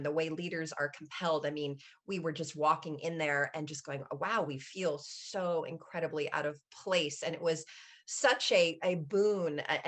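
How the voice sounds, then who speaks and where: A woman's voice: sits low, fairly bright tone. A woman moderating a conference panel, recounting and introducing in a conversational way.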